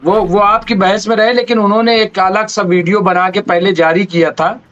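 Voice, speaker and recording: A man's voice: sits high, fairly even intonation, moderate pace, a bit bright, highs cut off, faint music behind. A man in a heated political discussion, explaining his view earnestly and persistently. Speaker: debate panelist.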